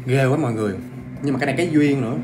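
Talking at a very fast clip over some background noise, this medium-pitched man hosts a laid-back ghost-story livestream. He chats away to his viewers, speaking to them directly and eating as he goes.

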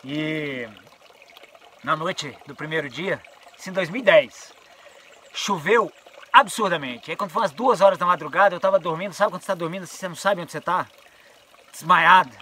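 A man with a Brazilian Portuguese accent telling a story in a casual outdoor vlog, acting out the voices of the people he met. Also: fairly high pitch. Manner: lively storyteller who acts out what people said. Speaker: mountain biker vlogger. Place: outdoors on a trail.

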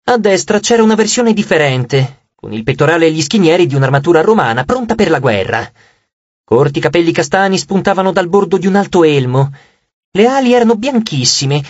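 A man narrating an audiobook chapter with expressive storytelling. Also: fairly high pitch, no echo, muffled recording. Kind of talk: scripted narration.

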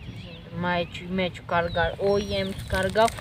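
An actress playing a young daughter who recounts being shouted at and beaten, in plain rural Spanish. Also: female voice, fairly low pitch, flat delivery, brisk, background noise, lightly acted. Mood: upset. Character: young daughter telling of a beating. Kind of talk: amateur drama acting. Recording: music bed behind.

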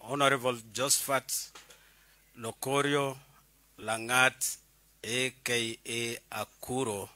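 A middle-aged man with a Kenyan accent formally reciting an oath of office in solemn, deliberate phrases at a podium microphone. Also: mid-range voice, fairly even intonation, pushed and bright, dry recording. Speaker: county assembly member being sworn in. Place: indoor assembly chamber at a lectern. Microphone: podium microphone on a boom stand, close.

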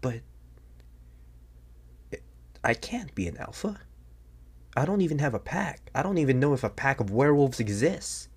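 A husky, breathy half-whisper carries this ASMR roleplay, where a young man portrays an anxious teenage boy bewildered by his werewolf change. The voice sits mid-range and is expressive, the halting lines urgent and confused.

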